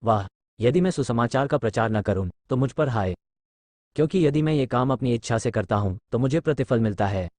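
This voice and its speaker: A man's voice: medium pitch, expressive, fairly quick, a little mellow, dry recording. A middle-aged man teaching a Bible class in a lecture, explaining words step by step and telling listeners what to write down.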